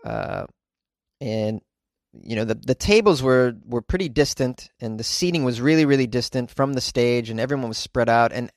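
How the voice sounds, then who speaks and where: Animated male comedy host recording inside a closet. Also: mid-range voice, moderate pace, dry recording, clean studio sound. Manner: animated, caffeinated, goofy, repeats phrases for effect. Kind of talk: comedic news commentary and rambling monologue.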